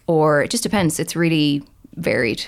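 A middle-aged woman with a west of Ireland accent talks in a lowish, creaky voice. She is chatty and self-deprecating, in the relaxed style of a casual interview. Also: normal speed. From Galway, Ireland. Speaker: podcast guest, beauty writer.

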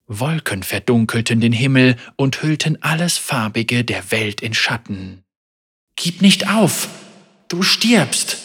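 A male audiobook narrator reading a grim fantasy tale at an unhurried, deliberate pace. His voice is bright and forward, with a husky grain running through it. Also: medium pitch. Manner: slow, measured and dramatic. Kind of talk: scripted story narration.

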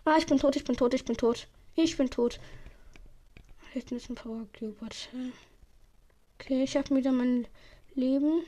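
A woman with a high voice gives live commentary on her gameplay. She is excitable, swears, uses youth slang and sometimes drops to a whisper as she plays. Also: normal speed, long pauses. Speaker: gaming channel host. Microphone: headset or desk mic.

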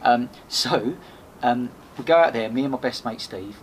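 A man's voice: mid-range voice, moderate pace. A man, a podcast host appearing as a guest, telling a rambling casual story full of restarts and swearing. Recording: noisy background hiss.

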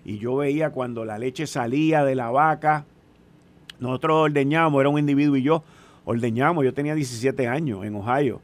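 A man in his sixties with a Puerto Rican accent, chatting casually and telling stories in an animated way, often putting questions to the listener. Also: mid-range voice, fairly quick. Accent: Puerto Rican Spanish. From Puerto Rico. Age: 60s. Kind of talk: casual storytelling chat.

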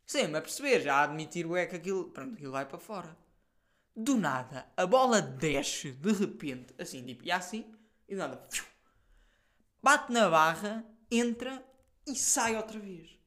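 A man's voice: sits high, normal speed. Slangy young European Portuguese man. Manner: animated, slangy storytelling with frequent fillers and swearing. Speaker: podcast host. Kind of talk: casual solo podcast chat.

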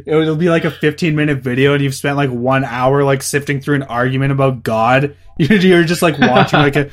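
A man's voice: mid-range voice, brisk. A man hosting a podcast in loose, rambling casual chat, laughing often and swearing freely. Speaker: podcast host.

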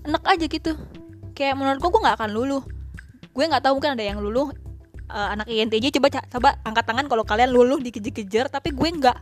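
Young woman host, blunt casual podcast talk, bright-ish higher pitch, light music bed. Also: quick pace. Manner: blunt, slangy, mixes in English phrases.

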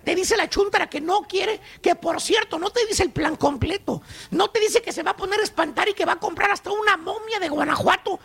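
A man's voice: very high voice, a little fast, creaky, hardly any pauses, fairly bright tone, heavily acted. A man voicing a mocking, streetwise Mexican comic character with a Chicano accent, ranting in slang. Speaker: comedy show host.

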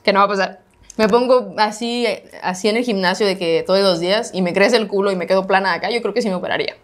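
A young woman from Monterrey with a northern Mexican accent, a podcast guest chatting casually, blunt and quick to laugh. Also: mid-range voice. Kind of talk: casual chat. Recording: loud background noise.

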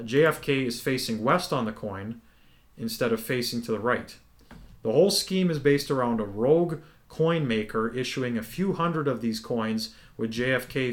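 A man co-hosting a podcast, recapping a TV episode in a relaxed, casual way with lots of ums. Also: medium pitch. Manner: relaxed, many ums, explains at length. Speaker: podcast co-host.

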